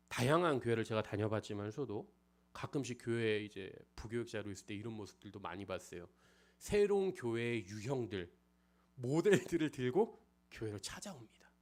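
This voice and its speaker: A man preaching a sermon, with a mid-pitched voice that rises and falls with feeling. He keeps asking his listeners questions. His volume swings from firm emphasis down to near-whispers. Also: darkish tone. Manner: frequent rhetorical questions to the congregation. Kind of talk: expository sermon.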